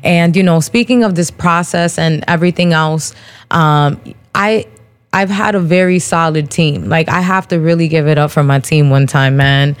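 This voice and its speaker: A woman in her thirties with a fairly low voice talks straight to her listeners as a podcast host. She speaks candidly and casually, in slang, with plenty of "um"s between thoughts. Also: moderate pace, a little hiss or hum. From New Jersey, USA. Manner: candid, slangy, many "um" fillers. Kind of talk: casual personal monologue.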